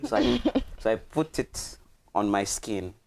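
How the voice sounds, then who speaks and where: A young man from Congo, a student guest on a talk show, tells anecdotes in a casual, playful, joking way. His voice is fairly low and darkish, slow, with huge swings in pitch, and background noise is clearly audible.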